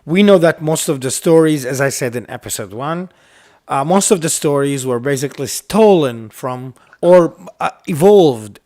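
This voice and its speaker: An Iraqi man living in the United States co-hosts a casual podcast chat, speaking English with an Arabic accent since Arabic is his first language. His voice is medium-pitched and a little mellow, and his talk is full of fillers and restarts.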